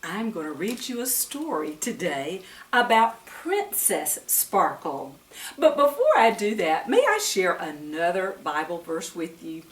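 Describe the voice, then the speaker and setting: This storytime for young children comes from a woman whose lowish voice is very animated and a little slow. As a storyteller and Bible teacher, she reads and chats in a sing-song way, quizzing the kids. Echo fills the room, captured by a distant microphone.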